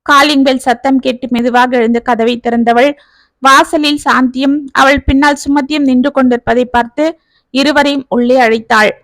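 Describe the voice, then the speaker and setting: A woman tells a family story in scripted narration, her voice high and even. It is recorded close and dry, with no room echo. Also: normal speed.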